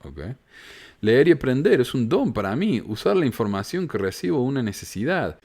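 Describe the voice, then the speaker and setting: A man's voice: medium pitch, very animated, moderate pace, darkish tone. Sarcastic man with a Córdoba accent. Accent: Argentine, from Córdoba. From Argentina. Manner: sarcastic, reads quoted messages with mocking emphasis. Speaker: podcast host. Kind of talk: casual podcast monologue, reading listener messages. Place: home in Utah.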